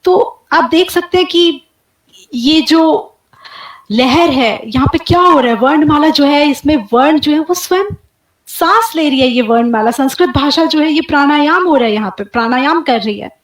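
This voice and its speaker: A woman giving a webinar lecture, demonstrating sounds aloud slowly and clearly. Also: high-pitched, echoey room, low-quality recording. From India. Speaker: guest lecturer.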